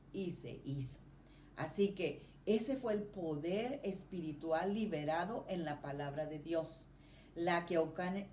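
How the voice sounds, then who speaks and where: Woman preacher, sermon, emphatic testimony, lowish voice, roomy church echo. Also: slight background noise. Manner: lively testimony with rising emphatic phrases.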